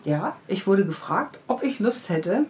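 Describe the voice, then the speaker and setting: With a sing-song, darkish mid-range voice, the middle-aged woman speaks unhurriedly. She's a children's book author in a relaxed interview, friendly and chatty as she explains and recounts her stories in detail. The recording carries clearly audible background noise.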